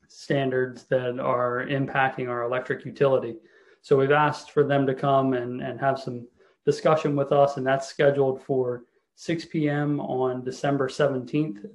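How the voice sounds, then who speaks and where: Halting man chairing a meeting, monotone. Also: medium pitch. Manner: halting, many fillers. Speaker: mayor.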